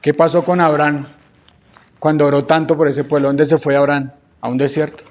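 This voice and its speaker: A man's voice: a little high, little pitch movement, a little fast. A man with a Colombian Spanish accent preaching a sermon, exhorting his congregation with rhetorical questions and acting out prayers in quoted voices.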